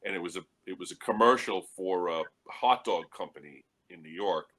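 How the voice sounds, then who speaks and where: A man with a low, forceful voice who tells stories on a panel discussion. He chats in a relaxed way and breaks into chuckles between stories. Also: moderate pace. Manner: storytelling with chuckles. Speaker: panel guest.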